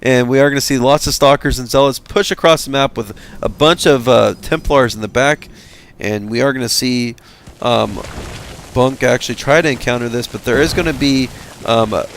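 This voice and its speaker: A man's voice: mid-range voice, slight background noise. Tired man casting a strategy game. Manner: tired, yawning, halting with many fillers. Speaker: game caster. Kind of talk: casual game commentary.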